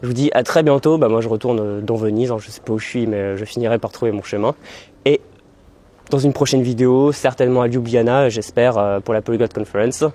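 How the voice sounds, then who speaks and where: A man's voice: mid-range voice, fast, warm tone. A young man hosting a language-learning vlog, chatting in a loose, rambling way as he walks city streets with a handheld camera. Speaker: language-learning video host. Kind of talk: casual walking vlog. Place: outdoors, walking through city streets.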